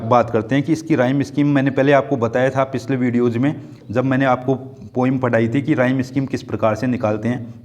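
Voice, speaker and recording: A man's voice: medium pitch, a little mellow. A man with an Indian accent teaching a classroom lesson on a poem, patiently repeating himself and checking that students follow. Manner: patient, repetitive, keeps checking students understand. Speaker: school teacher.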